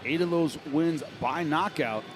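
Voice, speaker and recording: A man with a fairly high voice calls boxing as play-by-play commentator. His delivery is conversational live sports talk, with music audible behind him. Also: unhurried, a crowd in the background.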